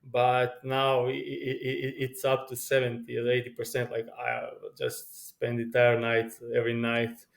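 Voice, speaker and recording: Young Croatian man, eager, halting speech. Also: mid-range voice, completely flat delivery, vocal fry. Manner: eager, rambling, halting with many restarts. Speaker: guest, pro sports bettor. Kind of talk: casual interview chat.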